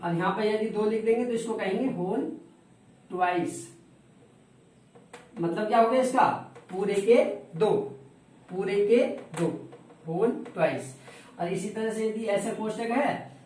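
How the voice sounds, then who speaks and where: A man's voice: sits high, a little mellow. Male teacher, repeats and spells words, roomy echo, far from the mic, faint hiss. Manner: repeats words slowly, spells them letter by letter. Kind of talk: classroom lesson.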